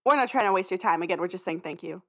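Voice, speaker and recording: A young woman who co-created and co-hosts a podcast chats casually, joking in a dry, self-deprecating way as she bantered and delivers a thank-you message. Her voice is fairly low, with lively intonation, and she races along.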